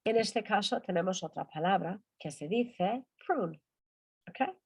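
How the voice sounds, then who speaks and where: A woman's voice: mid-range voice, expressive, a little mellow, husky. A woman teaching an English class, repeating each word several times for pronunciation and then explaining its meaning. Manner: drills words by repeating them slowly, then explains. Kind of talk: online language class.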